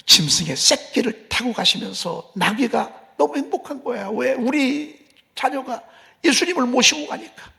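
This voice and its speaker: Impassioned gravelly preacher man, high and lively. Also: normal speed. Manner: impassioned, swings from loud cries to hushed whispers. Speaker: pastor. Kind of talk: early-morning sermon. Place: church sanctuary.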